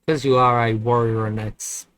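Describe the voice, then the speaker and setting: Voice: medium pitch, flat delivery, normal speed, fairly bright tone, clean tone, dry recording. Easygoing game master, laughs often. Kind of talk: casual chat before a tabletop game.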